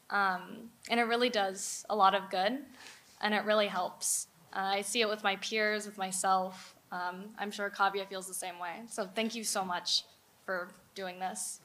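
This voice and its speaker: A woman's voice: mid-range voice, bright, forceful tone, slight background noise. A young woman, a student MC, giving a speech at a podium microphone. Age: young adult. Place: outdoor courtyard event, at a podium.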